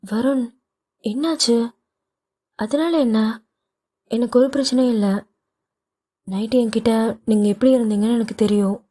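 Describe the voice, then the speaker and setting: A woman's voice: fairly high pitch, fairly even intonation, measured pace, long pauses, dark tone. A woman voicing a young pregnant wife who is playful, coaxing and caring, in a read audio novel. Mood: soothing.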